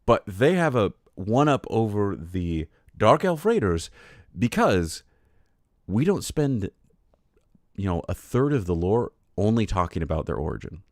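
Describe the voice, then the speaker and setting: A man's voice: on the low side, very animated, a little slow, darkish tone, no room sound, studio quality. A tired man hosting a casual livestream, reading lore aloud and chatting, often laughing and getting sidetracked. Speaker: streamer host.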